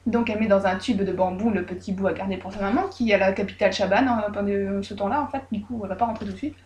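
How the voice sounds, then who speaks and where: A woman's voice: mid-range voice, quick pace. Joking woman retelling a folk tale. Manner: lively, joking, irreverent asides. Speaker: storyteller. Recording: roomy echo.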